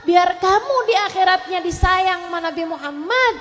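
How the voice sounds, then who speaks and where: A woman preacher, giving an emotive sermon that moves between loud pleading and soft tender passages. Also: very high-pitched, animated, moderate pace, long reverb tail. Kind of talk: religious sermon.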